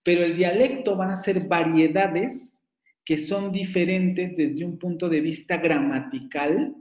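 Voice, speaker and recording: A man's voice: high-pitched, steady tone, a little slow, a little mellow. Male university lecturer, patient explainer on a video call; roomy, muffled sound. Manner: explanatory, often checks students follow. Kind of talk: online lecture. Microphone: computer mic on video call. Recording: echoey, dull lo-fi call audio.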